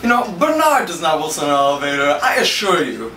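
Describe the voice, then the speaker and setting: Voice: mid-range voice, big pitch swings, fast talker, sharp tone. A young actor playing a bossy aging salesman father. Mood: scolding. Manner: lecturing, scolding, blustering. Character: proud aging male salesman father, quick-tempered and bossy. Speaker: student actor. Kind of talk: amateur scene acting. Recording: roomy, distant camera mic, faint room hiss.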